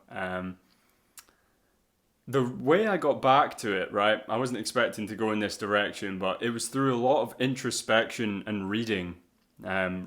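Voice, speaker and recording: Brief: male songwriter vlogging, lowish voice, loose rambling delivery, filler-heavy. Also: a bit bright. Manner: loose and rambling, with filler words and tag questions. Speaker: songwriter sharing album progress. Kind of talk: casual vlog talk.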